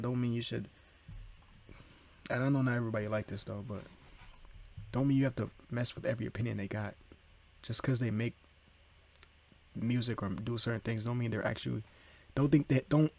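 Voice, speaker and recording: Gravelly streamer chatting casually. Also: male voice, medium pitch, darkish tone. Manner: talks over the video, slangy, repeats "bro", keeps apologizing for laughing. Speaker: streamer reacting to a video. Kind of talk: casual live reaction chat.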